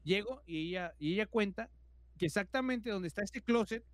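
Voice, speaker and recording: A man's voice: high-pitched, animated, normal speed, no echo. A man with a Mexican accent, co-hosting a podcast and telling a horror story casually, filling nearly every phrase with slang and acting out sound effects. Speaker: podcast co-host.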